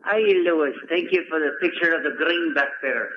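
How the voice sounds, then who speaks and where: A man's voice: fairly high pitch, normal speed. Older man on a dull phone line. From Ireland. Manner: folksy and dry, teasing back at the host. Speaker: caller. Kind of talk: call-in radio chat.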